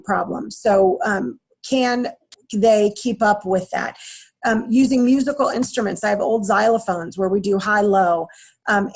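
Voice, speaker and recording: A woman's voice: medium pitch, gravelly, slightly rough. A woman speech therapist lecturing teachers and parents, casual and practical, with frequent ums. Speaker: speech therapist presenting to educators.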